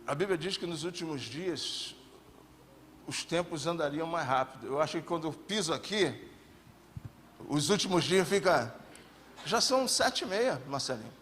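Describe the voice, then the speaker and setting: Brazilian male pastor, high voice, fervent preaching, faint room ambience. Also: expressive, normal speed, pauses often, fairly bright tone, a little hiss or hum. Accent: Brazilian Portuguese. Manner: impassioned, calls for amens, acts out God's voice. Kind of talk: sermon.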